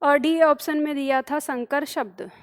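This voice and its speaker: A woman teaches grammar for competitive exams. Her voice sits high. She explains patiently, builds each point from small examples and keeps checking her students understand. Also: steady tone, unhurried. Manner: addresses students as "बालक", asks questions and checks understanding; explains with worked examples, repeating key phrases. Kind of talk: exam-prep grammar lesson.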